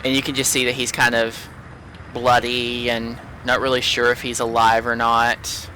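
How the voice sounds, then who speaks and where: A man with a monotone, medium-pitched voice narrates a tabletop pirate game as its game master. His descriptions come haltingly, with frequent restarts and repeated words, and the home recording is noisy.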